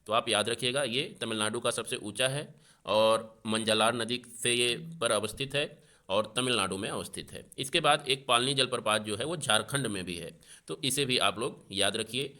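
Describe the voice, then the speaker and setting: A man teaching a geography lesson for exam preparation, explaining slowly and repeating the key points for his students. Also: medium pitch, pushed and bright.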